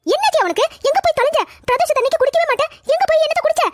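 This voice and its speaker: A woman's voice: extremely high pitch, animated, very fast, dry recording. A woman playing a nagging, scolding middle-aged village wife and mother.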